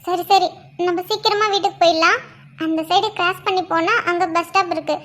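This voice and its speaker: A woman voicing a gentle young pregnant wife in a cartoon, talking softly and coaxingly. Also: extremely high pitch, steady tone, brisk. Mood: tender. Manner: soft, coaxing talk to her unborn baby. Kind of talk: cartoon voice acting.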